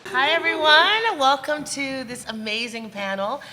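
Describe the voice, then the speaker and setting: A woman from Jamaica moderating a live panel, enthusiastic and asking lively questions. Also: high-pitched, a little slow, soft background music. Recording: long reverb of event hall.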